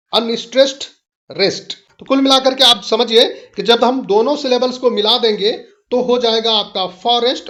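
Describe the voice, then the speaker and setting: A woman teaching English literature in a video lesson. She reads English definitions slowly and deliberately, explains them in Hindi, and stops to check that the viewer follows. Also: fairly high pitch. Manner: asks the viewer to check understanding. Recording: dull lo-fi recording.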